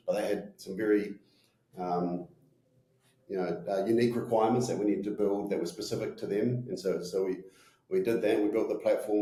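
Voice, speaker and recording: A man in his forties speaks with a broad New Zealand accent in a casual interview. His voice sits fairly low and has a soft, mellow tone. He talks informally, like an executive explaining his business, in an echoey room. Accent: broad New Zealand (Kiwi). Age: 40s. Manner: informal, peppers talk with "you know" and "right?". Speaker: company executive being interviewed.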